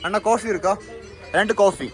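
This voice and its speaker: A young man with a Kerala Malayali accent chatting casually and excitably to his travel vlog viewers, mixing English words and slang into his Malayalam. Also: sits high, brisk, music in the background. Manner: excitable, exclamatory, addresses viewers often. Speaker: travel vlogger. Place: mostly outdoors on town streets. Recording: noisy outdoor ambience with vehicle sounds.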